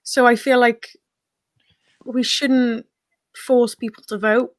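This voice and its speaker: A woman on a discussion panel, giving her view hesitantly with frequent pauses. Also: fairly high pitch, little pitch movement, no echo. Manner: hesitant, many ums and restarts.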